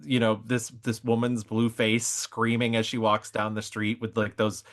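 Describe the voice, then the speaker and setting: A man's voice: on the low side, completely flat delivery, moderate pace. Male guest, fond and reflective, working his thoughts out aloud. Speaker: podcast guest. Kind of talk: casual podcast discussion.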